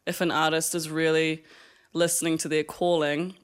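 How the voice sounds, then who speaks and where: Reflective young man, higher voice. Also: flat delivery, moderate pace, clean tone. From Fiji. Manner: reflective, many fillers and laughs. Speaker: artist guest. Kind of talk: casual interview chat.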